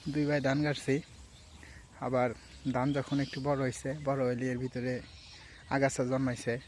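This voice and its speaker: Young man, Sirajganj regional accent, easygoing rambling vlog chat, mid-pitched voice, faint outdoor noise with animals. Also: normal speed. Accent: Sirajganj regional Bengali. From Sirajganj, Bangladesh. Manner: relaxed, rambling, mixes regional and standard speech. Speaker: vlogger. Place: outdoors by rice fields at dusk.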